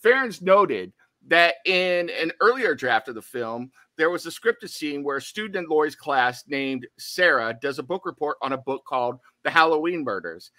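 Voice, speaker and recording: Bright, chatty horror podcast man. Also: on the high side, expressive, normal speed, hardly any pauses, no echo. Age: adult, studied in college. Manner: chatty and jokey, drifts into tangents. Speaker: podcast co-host. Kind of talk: casual chat.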